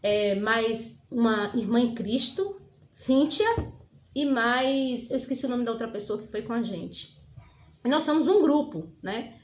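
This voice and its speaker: A woman's voice: a little high, measured pace, slight background noise. A middle-aged woman with a Brazilian Portuguese accent, giving a church testimony to a congregation. She tells her story with many hesitant fillers and builds to fervent preaching. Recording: echoey hall with crowd.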